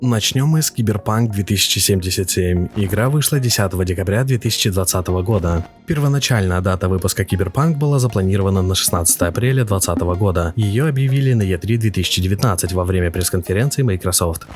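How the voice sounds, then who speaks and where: A man's voice: deep voice, expressive, fast talker, hardly any pauses. A man narrating a scripted, opinionated video essay as a game reviewer. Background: faint music.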